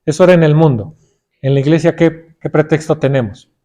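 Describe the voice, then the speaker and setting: A man's voice: a little high, a little fast, dark tone. Mexican man preaching a sermon. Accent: Mexican Spanish. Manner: addresses listeners as brothers often, asks questions.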